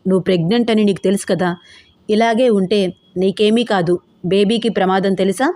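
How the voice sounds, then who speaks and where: A woman's voice: medium pitch, fairly even intonation, fairly quick, darkish tone, dry recording, close to an everyday voice. A woman voicing a teasing, playful young husband in a romantic audio story, with a cajoling manner.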